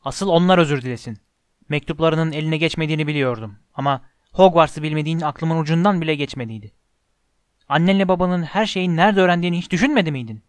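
A man reading an audiobook voices a huge, hot-tempered but kind giant gamekeeper who booms and roars indignantly. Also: quick pace, clear, resonant tone, dry recording, close to an everyday voice. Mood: roaring, outraged. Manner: booming and indignant. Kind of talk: audiobook character voice.

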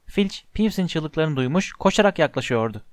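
Male audiobook narrator, steady expressive reading, somewhat high voice, dry close recording. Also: moderate pace, no echo. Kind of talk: scripted storybook narration.

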